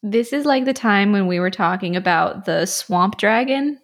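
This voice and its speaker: A woman's voice: medium pitch, expressive, moderate pace. A woman co-hosting a podcast about tabletop games, talking casually and filling her sentences with "like" and "you know". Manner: chatty, lots of "like" and "you know". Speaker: podcast co-host.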